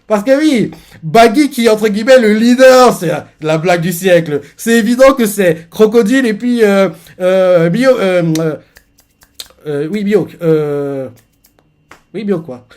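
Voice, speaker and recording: Man, manga reaction youtuber, fairly high voice, casual commentary, filler words. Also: lively intonation, unhurried, a little mellow. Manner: lots of fillers, laughs as he reacts.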